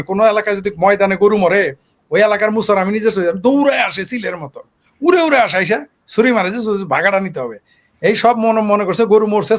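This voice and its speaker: A man from Bangladesh with a Bangladeshi Bengali accent, giving heated political commentary on a talk show and firing off rhetorical questions. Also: high-pitched. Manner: combative, fires rhetorical questions.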